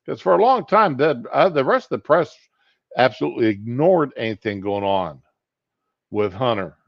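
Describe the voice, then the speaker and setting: A man's voice: medium pitch, expressive, vocal fry. A man who has just woken up, rambling casually and without hurry as he hosts a live stream. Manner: just woke up, unhurried. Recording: boxy echoing room, dull sound.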